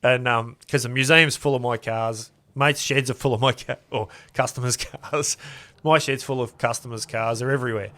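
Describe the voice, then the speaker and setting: A man's voice: medium pitch, fairly even intonation, moderate pace, hardly any pauses, pushed and bright. An Australian man, a podcast guest, telling a story in a casual, chatty way and acting out both sides of remembered conversations. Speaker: podcast guest, custom car builder.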